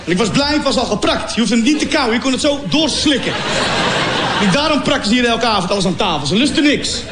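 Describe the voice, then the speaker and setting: High-voiced man doing stand-up. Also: fast talker. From Morocco. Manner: animated storytelling with sound effects and mock voices. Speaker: comedian. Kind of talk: stand-up comedy.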